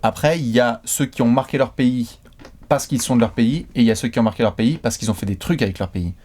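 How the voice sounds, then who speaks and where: A relaxed, slangy man co-hosting a casual talk show. He answers viewer questions conversationally at a middle pitch. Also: fast. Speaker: co-host reading viewer questions. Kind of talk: casual debate.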